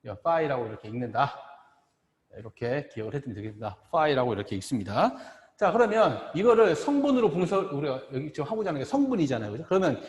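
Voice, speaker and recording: A middle-aged man gives a university lecture in a lively voice that swings up and down. He speaks haltingly, repeating phrases and checking in with the class. The sound is roomy, with a long, hollow reverb trailing each phrase. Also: on the high side. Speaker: optometry professor. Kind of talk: lecture at a board.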